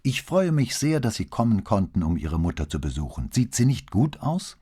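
A man reading an audiobook voices a patient, devout young nun who speaks clearly and soothingly. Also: fairly low pitch, big pitch swings, moderate pace, dark tone, voice pushed up. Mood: bright, loud.

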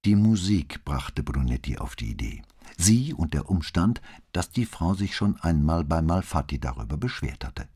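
Brief: deep, husky man for scripted crime-novel narration, steady and deliberate. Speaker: audiobook narrator.

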